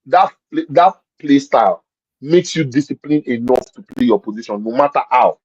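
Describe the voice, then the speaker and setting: A man breaks down a football match in casual conversation, pressing each point again and again. His voice is mellow and a little husky, dry, and sits on a muffled lo-fi stream. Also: medium pitch, moderate pace, dry recording. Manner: emphatic, repeats points, explains with examples. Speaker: football pundit. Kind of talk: casual match-review chat.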